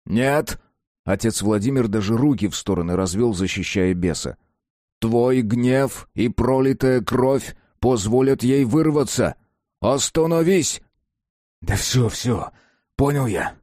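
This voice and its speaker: Guy reading an audiobook, dramatic, dark mellow voice. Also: fairly low pitch, no echo, studio quality. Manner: dramatic, acts out dialogue. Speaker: audiobook narrator. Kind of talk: scripted narration.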